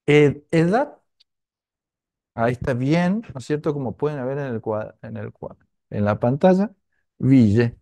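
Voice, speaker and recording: Slow-talking man teaching a class. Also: medium pitch, animated, vocal fry, mellow. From Argentina. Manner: slow, repetitive, with frequent tag questions. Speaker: language teacher. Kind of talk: online language class.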